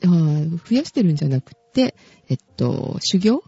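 A woman's voice: low voice, big pitch swings, normal speed, dark tone, breathy edge. A woman hosting a casual podcast chat, chatty and giggling often. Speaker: podcast host. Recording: dull, dry lo-fi recording.

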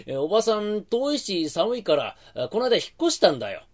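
A man's voice: sits high, wildly swooping pitch, a little fast, exaggerated voice. A man doing a cheeky Edo tall-tale teller. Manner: cheeky, breezy storytelling.

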